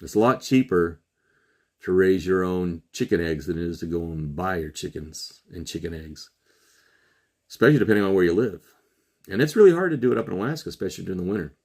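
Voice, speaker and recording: Deep gravelly-voiced man hosting commentary. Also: expressive, darkish tone. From Trinidad and Tobago. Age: middle-aged. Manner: earnest, urging listeners with slow emphatic pauses. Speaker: podcast host. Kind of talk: solo commentary monologue.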